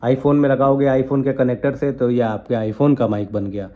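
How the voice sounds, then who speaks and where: A tech reviewer demonstrates a handheld portable recorder in a product demo, walking viewers directly through each step. His mid-range voice has fairly even intonation and a moderate pace, and the audio sounds narrow and tinny.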